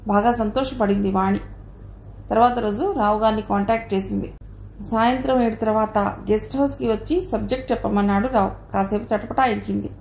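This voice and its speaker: A woman narrating an audio novel in a steady storytelling manner, her voice at a middle pitch. The recording is roomy with a noticeable echo and a faint hiss underneath. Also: brisk. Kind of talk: scripted narration.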